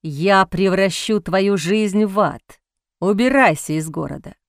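A woman voicing a cold, cynical male aristocrat who speaks in a hoarse, mocking drawl in an audiobook. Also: medium pitch, measured pace, dry recording, clean studio sound, pitched below the performer's own voice, close to an everyday voice. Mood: menacing.

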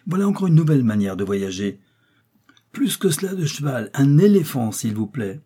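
A man voicing a cheerful, eager young male servant who keeps exclaiming in excitement. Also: fairly low pitch, brisk, husky. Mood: excited.

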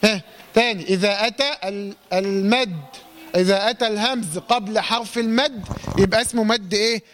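A man with an Egyptian accent teaching a Quran recitation lesson. He asks questions and answers them himself, and draws out recited words slowly. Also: high-pitched, a bit bright, soft background music. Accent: Egyptian Arabic. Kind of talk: classroom tajweed lesson.

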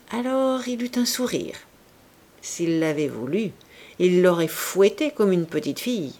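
An audiobook reader, a woman, narrates a classic novel in a measured, expressive style. Her mid-range pitch moves in lively rises and falls.

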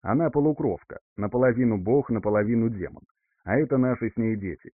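A male reader voicing a composed young man calmly breaking news to his parents, recorded dry with a narrow, phone-like sound. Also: mid-range voice, fast, no room sound, lightly acted. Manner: composed, level-headed. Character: calm reborn young man returning home.

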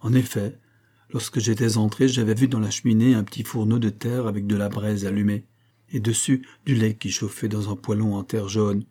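Man reading a novel, mellow tone. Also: lowish voice. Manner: calm, measured literary reading. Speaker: audiobook reader. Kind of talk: scripted narration of a novel.

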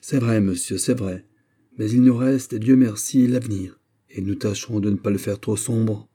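A man voicing a proud young king in an audiobook, speaking in a lofty, commanding way, higher than his narration. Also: fairly even intonation, normal speed, mellow, lightly acted. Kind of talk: audiobook character voice.

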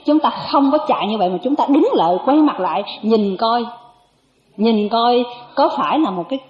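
Animated nun telling a story in an echoey room. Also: female voice, medium pitch. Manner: animated storytelling, acts out dialogue, laughs with the audience. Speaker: Buddhist nun giving a dharma talk. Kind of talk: sermon with personal storytelling. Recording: echoey, dull lo-fi recording.

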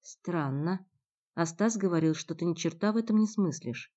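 A woman's voice: fairly low pitch, moderate pace, mellow, lightly acted. A woman narrator voicing a blunt, tough young man who speaks curtly and growls his threats. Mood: probing. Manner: curt, growling. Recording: dull lo-fi recording.

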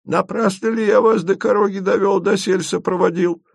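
Мужчина изображает робкого проводника Асена. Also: male voice, high-pitched, steady tone, moderate pace, gravelly, breathy edge, no echo, studio quality, voice pushed up, exaggerated voice. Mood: earnest. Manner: old-fashioned folk speech. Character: timid archaic-speaking male guide.

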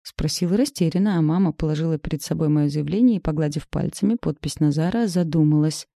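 A woman reading a first-person story aloud in a lively, wry narrating manner on a close mic. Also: low-pitched, fast talker, vocal fry, dry recording. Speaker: audiobook narrator.

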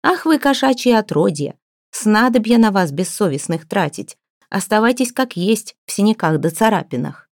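A woman voicing a quick-tempered old healer woman who scolds sharply. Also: mid-range voice, expressive, darkish tone, no room sound, clean studio sound, pitched above the performer's own voice. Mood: scolding.

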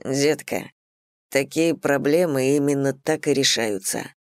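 Female narrator doing a brooding young man: low, soft, simmering. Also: takes it slowly, dry recording, clean studio sound, exaggerated voice. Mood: grim. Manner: low, hushed, brooding delivery. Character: passionate young man, intense lover, quick to anger.

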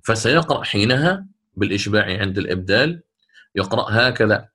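A man's voice: fairly low pitch, lively intonation, fast talker, a bit bright, husky. A man teaching the rules of Quran recitation in a lecture. He explains step by step, repeats his points and chants short example passages.

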